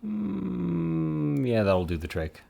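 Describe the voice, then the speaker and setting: A man's voice: fairly high pitch, wildly swooping pitch, slow pace, vocal fry, dark tone. A man chatting casually on a live stream while he works, rambling with self-mocking asides. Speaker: streamer supporting 3D print models.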